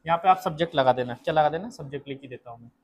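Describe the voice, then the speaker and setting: A man's voice: fairly high pitch, dull audio, a little hiss or hum. A man with a Hindi accent teaching a classroom English lesson, repeating points and quizzing students as he goes. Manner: slow, repetitive, drills students with questions.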